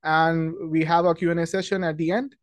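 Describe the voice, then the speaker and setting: A young Pakistani man, a product marketing manager, hosts a casual webinar in a friendly, chatty manner full of ums and restarts. His voice sits a little high, with a flat, brisk delivery and no echo.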